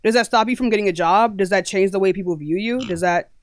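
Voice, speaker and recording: A woman's voice: mid-range voice, fast talker, no echo. Blunt young woman hosting a heated live debate. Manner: blunt, combative, talks over people. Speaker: livestream debate host.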